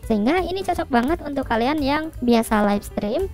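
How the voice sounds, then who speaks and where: A man talking through a real-time voice changer that makes him sound like a woman, casually explaining software to viewers. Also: extremely high pitch, lively intonation, a little fast, gravelly, soft background music, pitched above the performer's own voice, exaggerated voice. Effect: voice changer turning his voice into a female voice. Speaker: software tutorial presenter. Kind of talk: casual tutorial demo.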